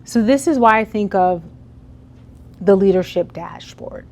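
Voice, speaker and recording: A woman's voice: mid-range voice, expressive, unhurried, a little mellow. A woman giving a motivational keynote speech to a live audience in an event hall, talking conversationally and putting questions to the crowd. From United States. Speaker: keynote speaker.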